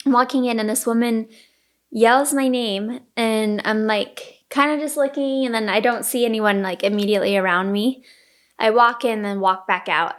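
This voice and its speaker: A woman co-hosting a podcast, telling a story in a chatty, rambling way with lots of fillers. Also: a little high. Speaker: podcast co-host. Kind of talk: casual chat and storytelling.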